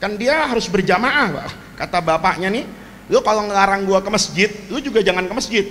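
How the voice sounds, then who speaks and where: A male preacher tells stories with jokes and asides to his congregation. His voice is high and bright, and it swings widely up and down. The long reverb of a hall carries it over a faint background noise. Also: a little fast. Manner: animated storytelling with jokes, frequent asides to the audience. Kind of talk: humorous sermon.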